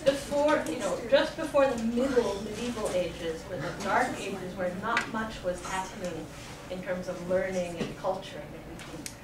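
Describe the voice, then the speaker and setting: Speaking at a normal pace in a medium pitch, this woman runs a relaxed lesson, quizzing students and echoing back what they say. Crowd and classroom noise come through clearly on the distant camera mic in an echoey room.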